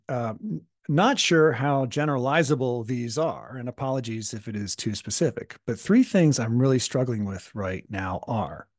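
Husky gravelly guy, hoarse from being sick, chatting on his podcast, dry close sound. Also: medium pitch, darkish tone, no echo. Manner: thoughtful, with frequent fillers and restarts. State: hoarse from a recent illness. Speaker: podcast co-host and coach. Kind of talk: casual podcast chat.

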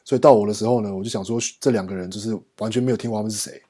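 A man with a Taiwanese Mandarin accent talks casually among friends. His voice sits fairly low, with a dark, mellow tone and a clearly husky edge. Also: fairly even intonation, very fast. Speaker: podcast guest.

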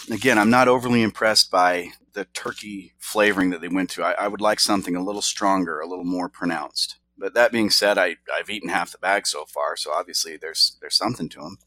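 A man's voice: low-pitched, fairly quick, sharp tone, no room sound. A man co-hosting a casual snack review podcast, laid-back and repeating himself as he talks. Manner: laid-back, stammering restarts. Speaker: podcast co-host.

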